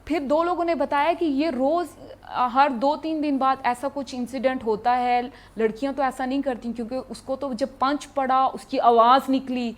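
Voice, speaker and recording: A woman athlete chats as a guest on a TV talk show. She tells stories in a lively, animated way. Her voice sits high. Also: hardly any pauses. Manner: lively, animated anecdote telling. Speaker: martial arts athlete guest. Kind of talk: casual interview storytelling.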